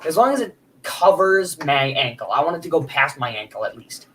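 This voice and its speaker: A man's voice: on the high side, animated, fairly quick, fairly bright tone, slight background noise, poor audio. A man guesting on a casual livestream chat, joking and teasing in an easy tone. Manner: joking, teasing, laughs often.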